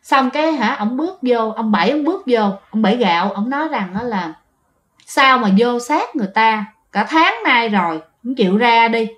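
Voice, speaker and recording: A woman's voice: on the high side, lively intonation, moderate pace, a bit bright, dull audio. A woman with a Southern Vietnamese accent telling a ghost story in a chatty way, often speaking straight to her listeners. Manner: chatty, addresses listeners directly. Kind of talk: spoken ghost-story narration.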